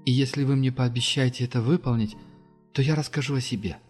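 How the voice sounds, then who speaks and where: A male reader voicing an ancient, sorrowful being in a little girl's body, speaking quietly and slowly, in an audiobook. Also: medium pitch, fairly even intonation, husky, in a large hall, soft background music, natural voice.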